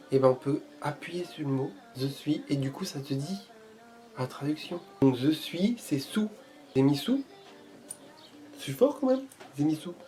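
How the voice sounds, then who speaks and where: Guy vlogging slow and a bit high, teasing himself, sounding out foreign words, some music under it. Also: darkish tone. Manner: playful, self-mocking, jokingly boastful; repeats foreign phrases slowly, trying them out. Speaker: vlogger learning Portuguese. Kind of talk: casual vlog talk.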